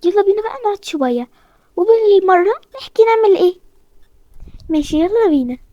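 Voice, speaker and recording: A woman's voice: very high voice, lively intonation, quick pace, mellow, dry recording, muffled recording. A woman with an Egyptian accent voicing a chatty back-and-forth toy-game story, switching between the girls. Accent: Egyptian Arabic.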